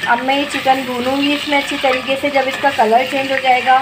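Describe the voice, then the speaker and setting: A cooking channel host with a high, level, brisk voice narrates a home cooking tutorial, walking her viewers through each step in a homely, instructive way. She records on a phone over the stove in her kitchen. The audio is noisy, with sizzling and stirring in a pot behind her.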